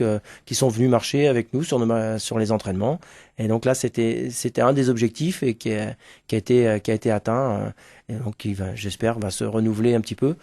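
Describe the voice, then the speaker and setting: Un homme interviewé à la radio, qui parle spontanément en cherchant ses mots et en acquiesçant volontiers. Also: male voice, mid-range voice, warm tone, no room sound, clean studio sound. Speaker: interview guest, school staff organising a charity walk team. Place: close dry radio microphone.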